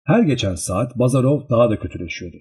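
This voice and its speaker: A man reads a literary audiobook aloud in a husky, mellow voice. His pitch moves up and down in a lively way, and the storytelling stays measured and expressive throughout. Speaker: audiobook narrator. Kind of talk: scripted literary narration.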